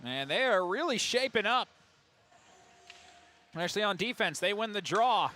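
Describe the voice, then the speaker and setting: A man calling a girls' high school hockey game as play-by-play announcer on radio, with rapid calls that jump to excited shouts on big plays. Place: ice arena broadcast booth.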